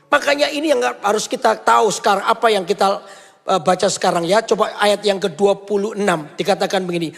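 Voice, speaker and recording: A man's voice: high voice, a little fast, creaky, fairly bright tone, big-room sound, soft background music. A male preacher giving an emphatic sermon, calling on the congregation to say amen and sharing his own story with passion. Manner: passionate storytelling in a personal testimony.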